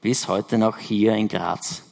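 A man's voice: on the low side, steady tone, slow, gravelly, a little mellow. Man preaching a sermon. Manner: explanatory, self-correcting, emphatic repetitions.

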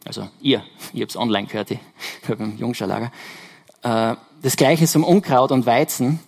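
A man's voice: medium pitch, fairly even intonation, normal speed, gravelly, a little mellow. Man preaching a sermon. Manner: explanatory, self-correcting, emphatic repetitions.

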